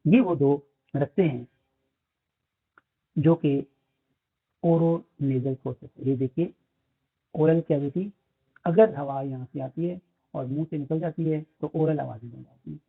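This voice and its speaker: In a phonetics lecture, a Pakistani-accented man slips English terms into his explanations, fills pauses often, and reads English lines at a slow pace. His voice sits fairly high, creaky and husky, over tinny, phone-like audio.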